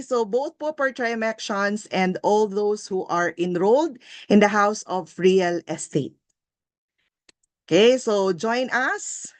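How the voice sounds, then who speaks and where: A woman's voice: medium pitch, dry recording. A Filipino woman with a Filipino accent coaching an online review class, encouraging, mixing Filipino and English and often ending with tag questions.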